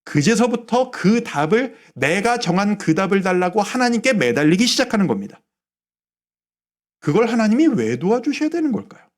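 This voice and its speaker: A man's voice: high voice, very animated, moderate pace. A male pastor preaching a Sunday sermon, acting out the prayers and words he quotes.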